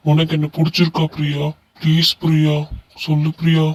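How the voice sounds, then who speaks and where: A man voicing a timid, lovestruck young man in an animated story, speaking hesitantly and pleadingly. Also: on the high side, moderate pace, natural voice, poor audio.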